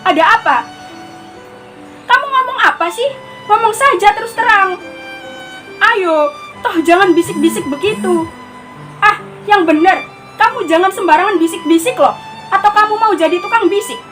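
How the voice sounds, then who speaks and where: In a theatrical monologue, a teenage student with a very high-pitched, fairly bright voice plays a lonely, paranoid civilian prisoner. She scolds first, then pleads, swinging between pleading and threatening. The audio quality is poor.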